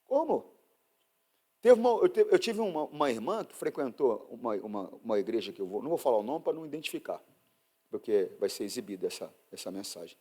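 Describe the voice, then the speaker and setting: Animated Brazilian pastor preaching. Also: male voice, mid-range voice, a little fast. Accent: Brazilian Portuguese. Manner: animated preaching, swinging from loud outbursts to hushed asides. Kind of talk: sermon.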